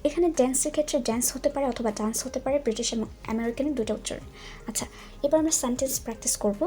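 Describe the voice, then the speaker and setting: A woman teaching pronunciation, who explains patiently and repeats each word slowly for learners. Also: sits high, dark tone. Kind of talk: explanatory language lesson.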